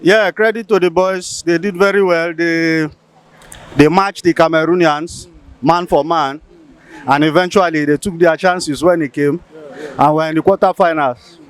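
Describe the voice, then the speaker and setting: Measured fan analyzing a match. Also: male voice, a little high, fairly even intonation, smooth. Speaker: football fan.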